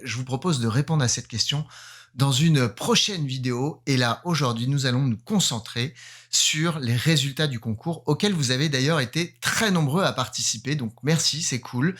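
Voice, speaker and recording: A man's voice: mid-range voice, fairly bright tone. A man, a photographer from France, hosting a casual vlog with playful self-mocking jokes and frequent hesitant fillers. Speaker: photographer running a giveaway.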